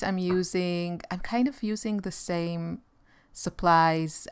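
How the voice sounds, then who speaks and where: A woman with an Israeli accent chatting casually about her art while she paints, relaxed and rambling. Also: lowish voice, smooth. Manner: relaxed, rambling, with light laughs. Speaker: artist and channel host.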